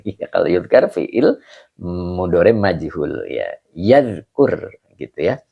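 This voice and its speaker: Male religious teacher, slow and patient, low husky voice, lively intonation, online grammar class. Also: lo-fi sound. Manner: patient explaining, answering students by name, chuckles. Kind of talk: online Arabic grammar lesson.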